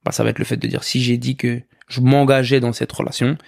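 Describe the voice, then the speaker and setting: Gravelly-voiced young French man. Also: medium pitch, a little fast, no room sound, studio quality. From France. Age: 20s. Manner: relaxed, many restarts and "tu vois". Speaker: podcast guest. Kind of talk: casual conversation.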